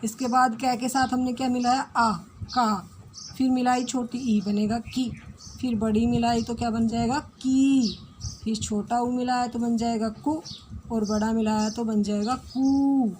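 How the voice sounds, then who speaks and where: A woman's voice: a little high, little pitch movement, measured pace, a little mellow, slight background noise. A woman teacher with an Indian accent giving a recorded lesson to young children, patiently explaining, asking questions and answering them herself. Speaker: primary school teacher.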